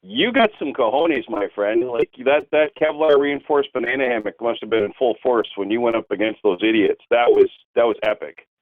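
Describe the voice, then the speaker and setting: A man's voice: mid-range voice, normal speed, no room sound. A man from Canada calling in over the phone to a live show, chatting casually with teasing banter. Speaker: caller. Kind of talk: casual call-in chat. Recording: dry, tinny phone line.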